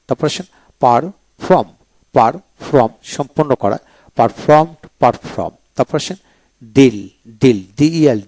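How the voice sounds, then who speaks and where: A man teaching English verbs with a Bangladeshi accent, repeating each word slowly for his students. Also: medium pitch, dark tone, no echo. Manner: slow, repetitive word-by-word drilling. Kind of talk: pronunciation drill lesson.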